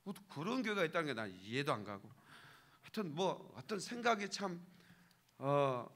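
A man's voice: fairly high pitch, sing-song, moderate pace, a bit bright. A man, a pastor, preaching a sermon to his congregation in a church, talking casually and keeps asking for their agreement, with sudden raised bursts of emphasis. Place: church sanctuary.

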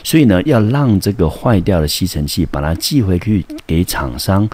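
A male teacher with a Taiwanese Mandarin accent walks students through English vocabulary and grammar. His voice sits extremely low and deep. He explains patiently, pausing to pose rhetorical questions before he answers them. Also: very animated, a little mellow, slightly rough. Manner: slow, careful explanations with frequent rhetorical questions. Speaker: high school English teacher. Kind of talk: recorded vocabulary lesson.

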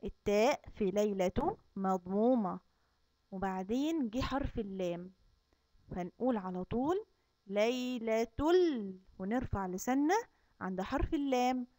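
A woman with an Egyptian accent teaching young children, drawing out her recitation slowly and explaining quickly between verses. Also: mid-range voice, animated, mellow, no room sound. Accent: Egyptian Arabic. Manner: slow, drawn-out recitation with fast explanations between. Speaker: kindergarten Quran teacher. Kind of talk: recorded online lesson for young children.

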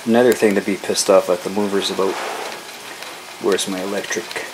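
A man's voice: low voice, level tone, moderate pace, very noisy. A man in his thirties casually vlogging at home, chatty and a bit grumbly. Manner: laid-back, chatty, mildly grumbling. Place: home kitchen and living room. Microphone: camera mic.

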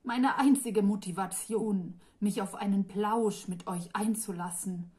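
A woman's voice: mid-range voice, measured pace, darkish tone, close to an everyday voice. A woman reading the part of an arrogant male devil with three tongues, smug and patronizing.

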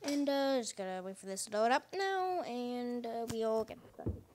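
A woman's voice: fairly high pitch, animated, normal speed, very noisy. A woman hosting her gaming channel, giving casual, rambling commentary full of fillers and restarts, recorded on a phone set down nearby.

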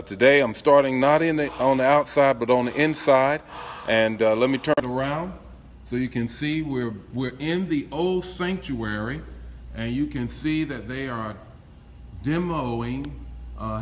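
A man's voice: medium pitch, a little slow, a little hiss or hum. A middle-aged man giving a casual, upbeat walkthrough of a church construction site, talking with many fillers while filming on a phone. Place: indoor and outdoor building site. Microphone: phone camera held while walking.

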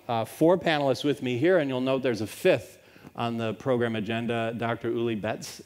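Guy moderating a conference panel, measured, steady pitch, long hall echo.

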